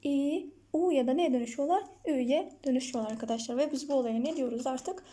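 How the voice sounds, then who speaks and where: High, mellow-voiced woman teacher. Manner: asks the class questions and answers them herself; repeats example words slowly and clearly. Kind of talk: online lesson explaining grammar slides.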